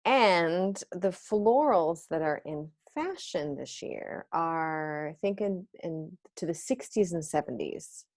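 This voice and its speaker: A woman's voice: on the low side, lively intonation, slow pace, hardly any pauses, a little mellow. A woman in her fifties hosting a casual video call about fashion, chatty and rambling, often trailing off mid-sentence. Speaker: host.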